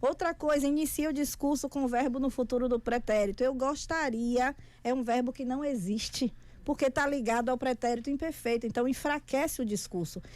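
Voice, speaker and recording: A woman author, a bit high for a woman, talks through a studio interview in a teaching manner. She lays out points with numbers and everyday examples, like someone giving a lesson. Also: brisk, a little mellow, no room sound. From Feira de Santana, Brazil. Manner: didactic, explains with figures and examples. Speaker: author and communication guest.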